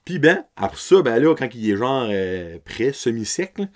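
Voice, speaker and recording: This Acadian French-accented podcast host, in his thirties, has a medium-pitched voice that swings widely in pitch at a moderate pace. He relates a story casually and with laughter, dropping English into his French.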